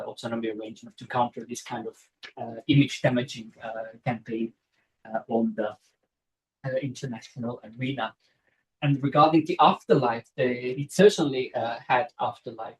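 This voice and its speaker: A man's voice: mid-range voice, poor audio. A man answering questions after an academic talk, hesitant, with many fillers and restarts. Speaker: seminar speaker answering questions.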